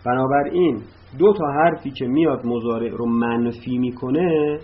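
A man teaching an Arabic grammar lesson, patiently explaining and reciting verb forms in drills, with "uh" pauses between points. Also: medium pitch. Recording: slightly dull lo-fi recording with faint noise.

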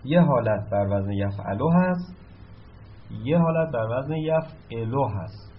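A man with a medium-pitched, expressive voice teaches a recorded lesson on Arabic verb patterns. He explains patiently, posing questions to himself before answering them. The sound is slightly dull, with faint room ambience.

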